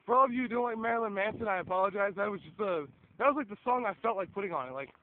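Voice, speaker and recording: A young man vlogs casually in a high-pitched, racing voice, worn out and losing his voice. His talk is rambling, packed with fillers and casual swearing, as he strolls a windy suburban road with his phone held at arm's length and an earphone mic. Expect tinny, phone-like sound and wind noise.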